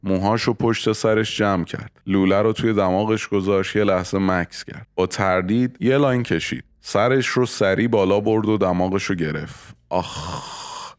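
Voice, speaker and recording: A man narrating a first-person confession story in a steady, low-key scripted reading. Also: hardly any pauses, dry recording, clean studio sound.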